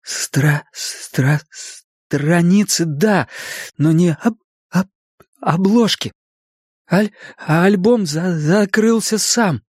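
A quiet, grieving boy with a heavy stutter, as an audiobook narrator puts him on, slow and halting, with a voice raised above a man's. Each word catches and restarts before it gets out. The sound is close and dry. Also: high-pitched, slightly rough, no room sound, voice pushed up, full character voice. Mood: hushed. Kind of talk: audiobook character voice.

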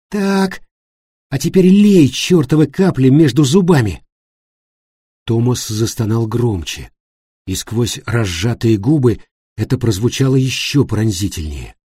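A man narrating a suspenseful story in a calm, even reading voice. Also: mid-range voice, husky, dry recording, clean studio sound. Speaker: audiobook narrator. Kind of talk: scripted narration.

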